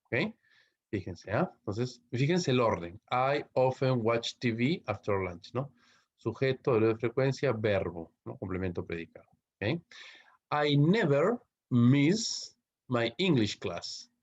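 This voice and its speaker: A man with a Peruvian Spanish accent teaching an English grammar lesson, checking in with his students after almost every point and reading the English examples slowly before translating them. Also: mid-range voice, animated, husky. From Peru. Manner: constantly checks in with tag questions like ok and no. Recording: dull lo-fi recording.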